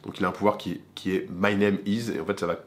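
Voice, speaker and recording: A man's voice: low voice, flat delivery, fast talker. A man hosting a board game channel, presenting a game in a chatty, informal way and talking straight to the viewer.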